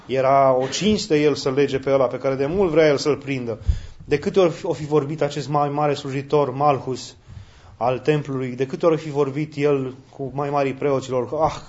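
A male preacher delivering a sermon like a story told to the congregation, with a voice a touch higher than most men's. He talks straight to his listeners and pushes into loud, emphatic bursts. The recording sounds a little dull and lo-fi. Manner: conversational, storytelling, addresses the listeners directly.

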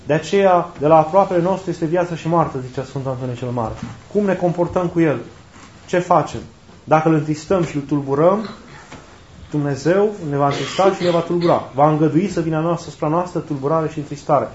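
A man's voice: a little high, a little mellow, a little hiss or hum. A man preaching a sermon in a conversational way, asking rhetorical questions and repeating his key phrases. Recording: roomy, dull lo-fi recording.

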